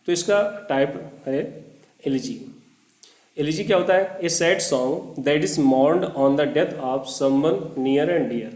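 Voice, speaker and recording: A man teaching a poem, reading the English lines very slowly and then explaining each one. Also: a little high, a little mellow, echoey room.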